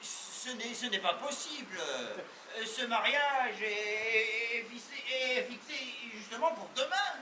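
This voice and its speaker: A man on a theatre stage playing a slow-witted, soft-hearted father of the bride who answers hesitantly. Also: extremely high pitch, expressive, heavily acted. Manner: hesitant, simple answers, swings from meek to loud. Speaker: stage actor. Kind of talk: live stage comedy acting. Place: farm theatre stage, live audience. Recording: echoey room, far off, hissy.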